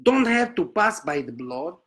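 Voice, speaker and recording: Putting on the voice of a solemn, self-important prophet, a man preaches a comic sermon in broken English with a Nigerian accent. His pitch sits high and leaps widely between words, a little bright, as he draws out every phrase in a slow, grandiose delivery. It's a full character voice in a preaching mood.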